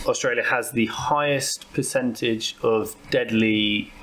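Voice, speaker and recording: A man's voice: medium pitch, fairly even intonation, slow pace, fairly bright tone. A man, co-hosting a travel podcast in casual chat, playful and self-mocking as he guesses. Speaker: podcast co-host. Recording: noisy recording.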